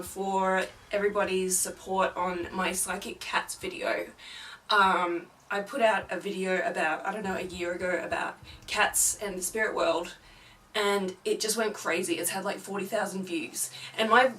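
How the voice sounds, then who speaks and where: A woman's voice: medium pitch, fairly bright tone. Chatty woman vlogging from a distance. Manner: chatty, rambling, with many fillers. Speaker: paranormal YouTuber. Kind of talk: casual vlog chat. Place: home, with a film playing in the next room. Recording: distant mic, faint background noise. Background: faint noise of a film playing in another room.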